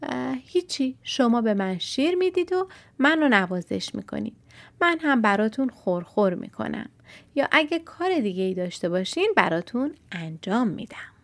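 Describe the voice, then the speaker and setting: A woman voicing a gentle tiger who wants to be a cat. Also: on the high side, very animated, no room sound. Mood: friendly.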